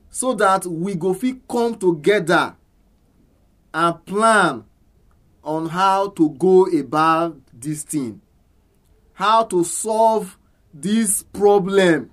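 Slow-paced Nigerian church elder praying in Pidgin. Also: male voice, high-pitched.

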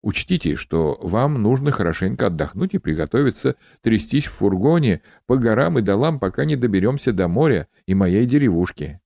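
A man's voice: fairly low pitch, expressive, a little fast, creaky, hardly any pauses, dry recording, studio quality. A man voicing a cheerful, hospitable widowed uncle with greying hair and a pleasant voice, in an audiobook. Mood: welcoming. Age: middle-aged. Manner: warm, welcoming, talkative.

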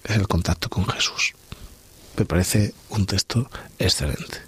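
A man's voice: low-pitched, unhurried. A man leading a reflective Bible study talk on a podcast, musing aloud and posing rhetorical questions. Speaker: podcast host.

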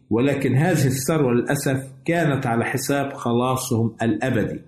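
A man's voice: medium pitch, a little mellow. A man hosting a religious radio program, giving a scripted Bible lesson in a formal, didactic manner. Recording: roomy, echoing voice recording.

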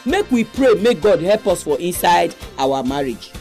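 A woman's voice: fairly low pitch, very animated, moderate pace, dark tone. Nigerian woman hosting radio, music behind. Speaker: radio program host. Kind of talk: radio presenting and exhortation.

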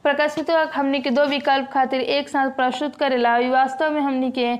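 A woman with a Bhojpuri accent delivering a measured Bible sermon. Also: sits high, little pitch movement. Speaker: preacher.

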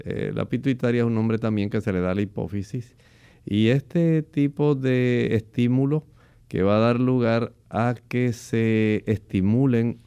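A man, a doctor, answering callers' questions in a measured, formal, explanatory way. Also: fairly low pitch, warm tone, smooth. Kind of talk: radio medical advice.

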